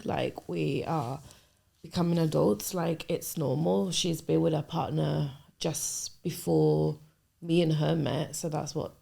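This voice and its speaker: A young woman in her twenties shares a personal story on her podcast, speaking candidly and hesitantly. Her voice sits low and carries a strong gravelly fry. The tone is warm and husky. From Nigerian family. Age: 20s. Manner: candid, hesitant, trails off and restarts. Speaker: podcast host. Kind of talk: personal storytelling, casual confessional.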